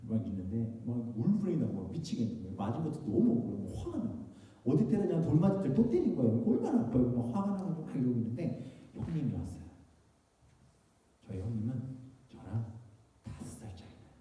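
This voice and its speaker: A male pastor preaches in a big, echoing church hall, heard from some distance away, his voice dark and mellow. His pitch rises and falls in lively swings as he acts out the voices in his story and keeps asking the congregation questions. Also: a little fast. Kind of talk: sermon with a childhood story. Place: church sanctuary.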